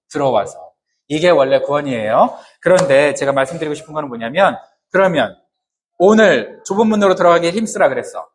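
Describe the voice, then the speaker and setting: A man preaching a sermon who keeps asking the congregation questions and answering them himself, in casual, joking everyday words. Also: fairly high pitch. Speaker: pastor.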